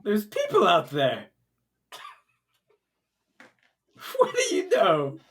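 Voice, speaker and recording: A man's voice: wildly swooping pitch, extremely slow, a bit bright, exaggerated voice. A man voicing an eccentric, self-important king in a badger mask during a tabletop role-play game, grandiose and baffled by turns. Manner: grandiose, booming, then baffled.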